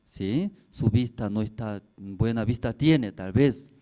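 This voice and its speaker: A man preaching a sermon as pastor, in slightly broken, non-native-sounding phrasing. He keeps repeating himself and checking in with tag questions, and swings between loud emphatic peaks and quiet asides. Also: fairly low pitch, slow. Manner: repetitive, with rhetorical questions and tag questions.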